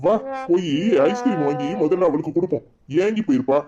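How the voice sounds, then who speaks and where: A voice actor playing a gentle, placating old village grandfather with a Kanyakumari Tamil accent in a cartoon. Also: mid-range voice, fast talker, loud music behind the voice, lightly acted. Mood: soothing. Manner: calm, placating. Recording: dull lo-fi audio.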